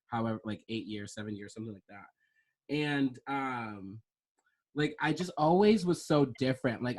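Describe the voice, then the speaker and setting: A man hosting a podcast, chatting casually in a rambling way, full of fillers, laughing easily. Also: mid-range voice. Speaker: podcast host. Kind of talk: casual chat.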